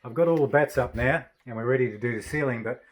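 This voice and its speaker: A man's voice: mid-range voice, quick pace. Matter-of-fact New builder, a man. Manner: methodical, step-by-step, matter-of-fact. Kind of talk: casual practical explanation.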